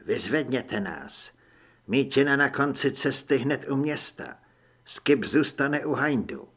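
A man's voice: mid-range voice, husky, natural voice. A man voicing a terse male team leader giving orders over a radio in an audiobook. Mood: commanding. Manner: curt, commanding.

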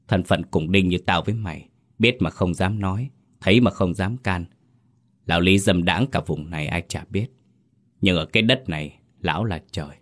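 A man voicing an older male servant, hoarse and weary, resigned to his fate in a told horror story. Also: sits low.

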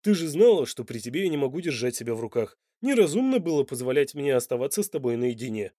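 A man's voice: medium pitch, brisk, darkish tone, no room sound, studio quality, close to an everyday voice. A man playing a blunt, passionate, demanding Italian lover in an audiobook. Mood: insistent. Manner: blunt and insistent.

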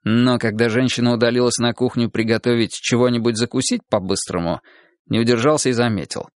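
A man narrating an audiobook in an expressive reading style. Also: medium pitch, a little fast, dry recording, studio quality. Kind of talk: scripted narration.

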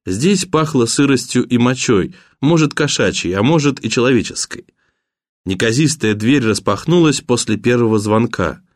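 A man reading an audiobook in a steady, even manner, at a mid pitch. The recording is dry and close, with no room sound. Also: normal speed, no room sound. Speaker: audiobook narrator. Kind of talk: audiobook narration.

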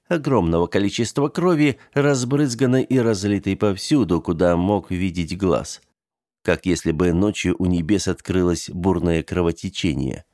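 Man, horror narrator, deep, dark tone, measured delivery. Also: no room sound, studio quality.

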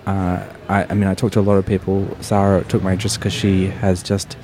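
A man's voice: deep voice, monotone, fairly quick, darkish tone. A man hosting a podcast interview, chatting casually and rambling with lots of fillers. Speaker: podcast host.

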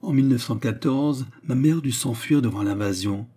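A man voicing a composed, politely ironic French gentleman in a storybook reading, with a mellow, husky voice. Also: mid-range voice, moderate pace, lightly acted. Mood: calm courtesy. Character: calm, courteous French gentleman.

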